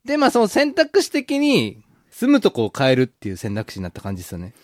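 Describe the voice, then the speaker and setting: Fast, animated man with Kansai dialect. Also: on the high side, dry recording, clean studio sound. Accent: Kansai-style dialect. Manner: quick, joking, teasing. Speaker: band member, radio co-host. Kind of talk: casual radio chat.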